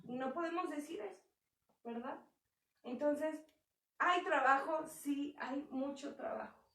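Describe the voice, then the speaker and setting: Young woman, conversational sermon, high pitch, roomy hall sound. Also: unhurried, fairly bright tone. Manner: conversational preaching with acted quotes. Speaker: church speaker. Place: church hall. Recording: echoey hall from far off.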